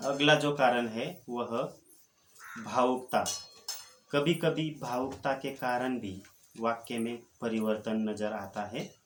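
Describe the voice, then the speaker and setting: A male lecturer talks through his lesson at a very unhurried pace, pausing often to find his words. His voice sits at an ordinary pitch. The room is echoey, with a faint hiss behind him. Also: fairly bright tone. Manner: deliberate, pauses often with fillers. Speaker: college Hindi lecturer. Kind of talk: slow explanatory lecture.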